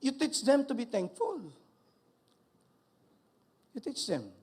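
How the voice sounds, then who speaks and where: Older man preaching with lively energy. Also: extremely high pitch, slow, husky. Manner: animated preaching, mixing Tagalog and English, call-and-response with congregation. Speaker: pastor. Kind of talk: sermon.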